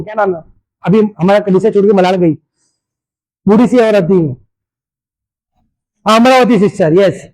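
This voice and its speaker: A man's voice: sits high, a little mellow, no room sound, rough recording. A man preaching a sermon as a pastor, fervent and speaking directly to his congregation in a church.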